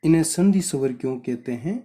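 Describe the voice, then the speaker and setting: A man's voice: mid-range voice, expressive, fairly quick, warm tone. A man teaching a grammar lesson, explaining step by step and putting questions to his students.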